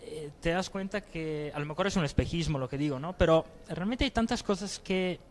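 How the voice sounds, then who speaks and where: A man from Italy with an Italian accent, speaking Spanish as a guest in a casual interview, reflective and hesitant with frequent pauses. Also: a little high, slight background noise.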